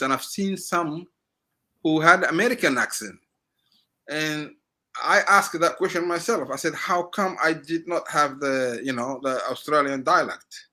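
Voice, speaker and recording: A middle-aged man from Somalia with a Somali accent, chatting as an interview guest in halting, restarting sentences. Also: a little high, sharp tone. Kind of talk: casual interview talk.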